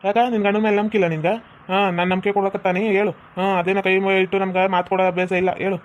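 Man, north karnataka accent, cartoon husband voice, flat tone, rapid, faint hiss. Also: sits high, dull audio. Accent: North Karnataka Kannada. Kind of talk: cartoon voice acting.

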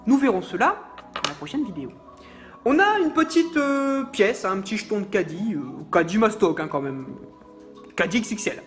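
A man reviewing vape gear in a playful, self-mocking unboxing vlog with animated asides. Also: high-pitched, normal speed, faint music behind.

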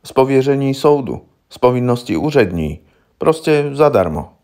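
A man's voice: medium pitch, sing-song, a little mellow, voice pushed up. A man voicing a young, naive defense lawyer who speaks formally and patiently, explaining things to his client. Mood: earnest.

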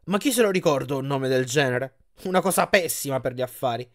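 A smooth-talking giant salesman, voiced by a male reader in a read-aloud storybook, full of oily patter. His pitch rises and falls in lively swoops. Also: brisk, lightly acted. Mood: smarmy.

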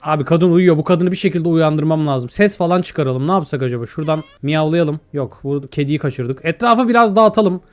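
Young male gaming YouTuber, slightly high voice, chatty let's-play commentary. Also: expressive, fairly quick, few pauses. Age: young adult. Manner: chatty, talks to himself and the viewers while playing; reads out in-game dialogue.

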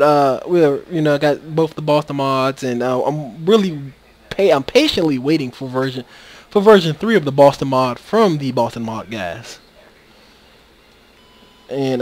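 A man chats loosely over his gameplay, wandering between thoughts and stumbling over restarts and filler words. He talks at an ordinary, mid-range pitch into a desktop USB microphone that occasionally drops out. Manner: rambling, many fillers and restarts. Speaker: video game commentator. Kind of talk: casual gameplay commentary. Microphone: USB microphone that cuts out.

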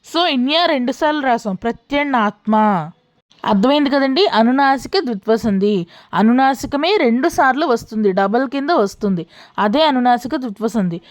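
Woman teacher walking through grammar. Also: a little high. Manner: asks the listener frequent check questions; slows down to spell out worked examples. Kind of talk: explaining a grammar lesson.

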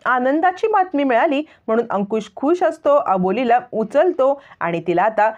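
A woman's voice: high voice, expressive, moderate pace, a little mellow. A woman narrating a dramatic recap of a TV serial episode, on a lo-fi recording. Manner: dramatic retelling. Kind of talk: scripted story recap narration.

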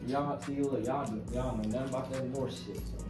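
A man's voice: mid-range voice, steady tone, a little fast. A man hosting a casual food chat with friends, talking in a loose, rambling way and swearing freely. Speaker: host. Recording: roomy echo, from far off, loud music behind.

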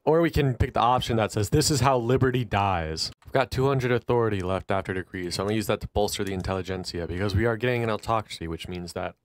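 A fairly low-pitched man whose voice sounds stuffy and nasal from allergies. He talks through a strategy game in a chatty, wry way, thinking aloud as he plays. It is casual gaming commentary. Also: fast talker, hardly any pauses. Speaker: gaming channel host.

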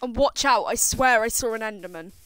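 A woman's voice: a little high, fairly quick, a bit bright, a little hiss or hum, poor audio. A woman chatting casually while playing a game on a live stream, hiccuping and teasing her partner. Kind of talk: casual live gameplay chat.

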